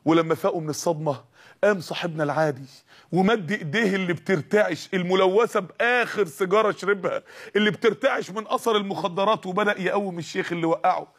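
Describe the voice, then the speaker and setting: A man's voice: high voice, quick pace, breathy edge. A man with an Egyptian Arabic accent telling a dramatic religious story, with rhythmic, repeated phrases.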